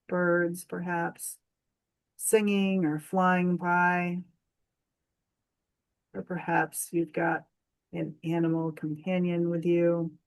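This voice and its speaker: A woman with a voice on the low side leads a guided meditation, speaking gently and soothingly without hurry. She leaves long pauses between her phrases.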